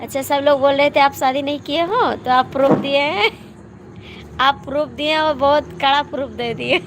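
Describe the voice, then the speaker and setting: A woman's voice: high voice, steady tone, moderate pace, noisy background. A woman with a cough and cold, chatting casually and teasing viewers on a live stream, laughing often, with an Awadhi accent.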